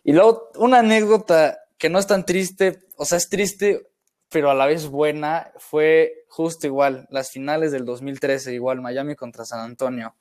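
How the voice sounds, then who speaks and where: A man's voice: fairly high pitch, steady tone, a little slow, a little mellow. A man in his twenties with a Mexican accent, co-hosting a podcast and telling his stories in a rambling, reflective way. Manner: rambling and reflective, with frequent restarts. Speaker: podcast co-host. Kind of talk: casual chat.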